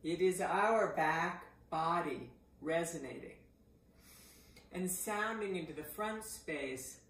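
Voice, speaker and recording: A middle-aged woman teaches voice resonance slowly and deliberately. Her lowish voice has a bright, forward ring, and she shows each exercise with loud vocal sounds. The room adds a clear echo. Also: slight background noise. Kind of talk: voice exercise lesson. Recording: echoey room.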